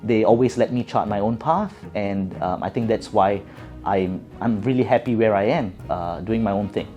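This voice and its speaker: A man's voice: on the low side, normal speed, warm tone, muffled recording, soft background music. A middle-aged man from Singapore with a Singaporean English accent, giving thoughtful interview answers with many fillers and restarts. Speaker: guest.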